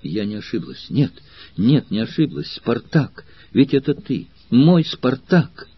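A man's voice: medium pitch, animated, unhurried, husky, no room sound, lo-fi sound. A man voicing a frightened young enslaved woman who pleads in a quavering, tearful voice.

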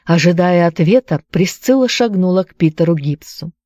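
Female audiobook narrator, low voice, measured delivery, dry sound. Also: expressive, dark tone, no echo.

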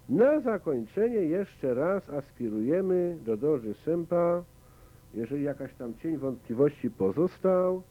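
Man, meditation teacher, animated pitch, conversational, tinny phone-like recording. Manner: conversational, asks listeners questions. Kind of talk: spoken commentary on a meditation.

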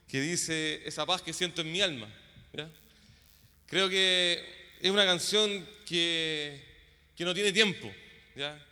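A man with a high, bright, ringing voice gives a casual sermon with lots of fillers. His voice carries a long reverb, as if from a church hall. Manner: many fillers, asks "¿ya?" often. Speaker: worship leader.

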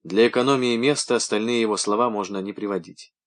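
A man reading a novella aloud as a first-person narrator, in measured literary storytelling. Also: lowish voice. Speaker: audiobook reader.

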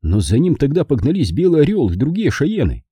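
A man's voice: medium pitch, wildly swooping pitch, fairly quick, warm tone, slightly rough, no echo, voice pushed up. A man doing a desperate young nephew. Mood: tense. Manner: pleading, agitated.

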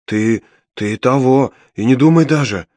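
A man's voice: mid-range voice, a little slow, a little mellow, dry recording, lightly acted. A man voicing a sly, mocking male imp with a horned devil's gleeful, taunting manner in an audiobook. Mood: flustered. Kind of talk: audiobook character voice.

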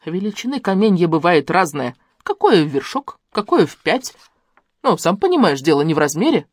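A shrewd old village granny with a sing-song folksy lilt, swooping up high when she teases, as a woman puts her on in an audiobook. Her voice is close and dry, with wide swings in pitch. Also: sing-song, moderate pace, dry recording. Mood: sly. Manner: folksy rural speech, sly and sing-song.

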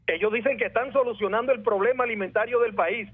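A man's voice: sits high, fast, husky, no echo. A man with a Venezuelan accent, calling in over the phone to a radio show and earnestly voicing a neighborhood complaint. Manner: earnest, keeps saying "oye" and "hermano". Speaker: caller. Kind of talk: call-in complaint. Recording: dry, tinny phone line.

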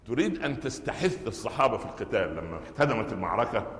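A middle-aged Egyptian man preaches at a quick clip, weaving stories and tossing rhetorical questions at his listeners. His voice rings through a large hall with a long, echoing tail. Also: lowish voice, big pitch swings, fairly bright tone. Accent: Egyptian Arabic. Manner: storytelling, asks the audience rhetorical questions. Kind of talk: Friday sermon. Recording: echoey hall with long reverb.

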